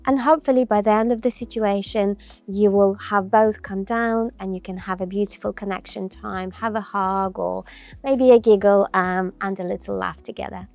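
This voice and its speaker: A woman guest on a podcast interview, gently advising parents in calm, explaining talk. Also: medium pitch, moderate pace, gravelly.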